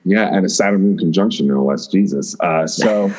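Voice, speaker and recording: A man's voice: sits low, normal speed, darkish tone, husky. A man, an astrologer guest, talking in a casual podcast conversation, effusive and flowing, often stringing words into lists.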